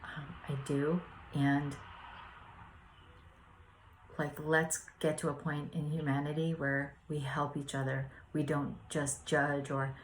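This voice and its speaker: A woman with a notably low voice talks through her reflections softly, hesitating and restarting often. A faint hiss of room noise sits behind her. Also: level tone, slow pace, low-quality recording. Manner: soft-spoken, hesitant, many fillers. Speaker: spiritual study vlogger. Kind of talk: casual reflective sharing.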